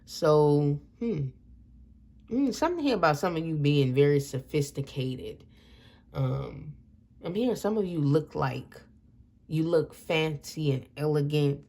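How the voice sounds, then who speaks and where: A woman's voice: deep voice, expressive, measured pace, darkish tone. A woman giving a casual tarot reading to her viewers, rambling a little and repeating and correcting herself as she goes. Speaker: tarot reader.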